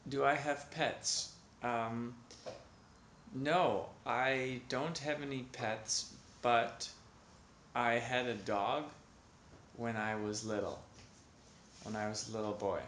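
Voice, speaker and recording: A man, a singer, answering questions in slow, simple, hesitant speech with many pauses and ums. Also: medium pitch, steady tone, fairly bright tone. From Canada. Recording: echoey room with faint noise.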